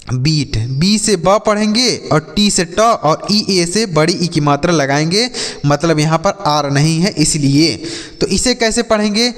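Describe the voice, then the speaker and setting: A man's voice: on the high side, fairly bright tone, long reverb tail. A man teaching English pronunciation in a Hindi lesson, asking questions and answering them himself.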